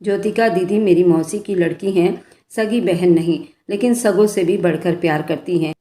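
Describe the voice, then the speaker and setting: A woman's voice: on the low side, moderate pace, dark tone, lightly acted. Playful young woman, read by the narrator, chatty, roomy echo. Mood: warm. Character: chatty, playful young female office worker. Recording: echoey room.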